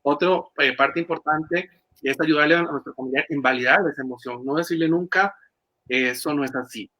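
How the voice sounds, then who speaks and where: Here the man's voice is a little high, brisk, and sharp. He's a clinical psychologist answering interview questions on a video call, with plenty of fillers and restarts.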